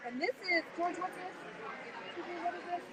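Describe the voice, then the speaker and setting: Female casual live presenter, high pitch, crowd in background. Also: normal speed, very noisy. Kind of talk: casual live chat about outfit. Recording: loud crowd behind.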